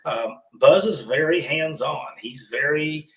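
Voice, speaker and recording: A man with a hoarse, rusty, froggy voice, chatting casually as he hosts a livestream. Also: on the high side, unhurried, far from the mic, low-quality recording. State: hoarse from pollen. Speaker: host of a livestream workshop. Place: remote studio.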